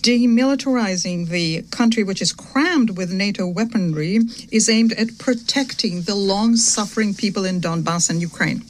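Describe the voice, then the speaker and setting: Halting live interpreter voice, mid-pitched. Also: a little hiss or hum, rough recording. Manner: halting, uneven pace with restarts and self-corrections. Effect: live simultaneous interpreter voice. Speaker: interpreter for a diplomat. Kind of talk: simultaneous interpretation of a formal statement.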